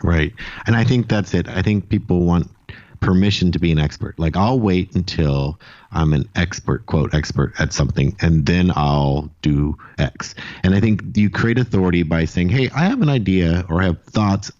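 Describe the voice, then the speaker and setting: A male host with a very low, deep voice, reflecting on his guest's points and agreeing with them. The sound is dry and slightly dull, with no room echo. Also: moderate pace, a little mellow. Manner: affirming, reflective interviewer. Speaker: podcast host. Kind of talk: conversational interview.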